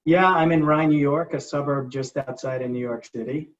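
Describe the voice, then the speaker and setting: Halting man on a dull call line. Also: on the high side, fairly even intonation. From Guyana, raised in England. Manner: halting, repeats words, many fillers. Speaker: guest, entrepreneur. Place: home office.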